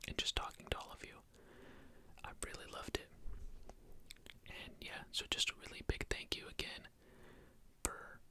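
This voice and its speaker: A young adult whispering a casual, unscripted ASMR ramble, softly and without voice, into a close microphone. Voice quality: unvoiced whisper. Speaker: ASMR video creator. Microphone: close Blue Yeti USB microphone.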